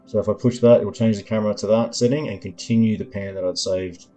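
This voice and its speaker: Guy with a low warm voice doing a tutorial walkthrough of his app, lots of ums, faint music behind. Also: fairly even intonation. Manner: unhurried, filler-heavy, thinking aloud. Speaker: developer demoing his app. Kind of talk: screen-recording tutorial walkthrough.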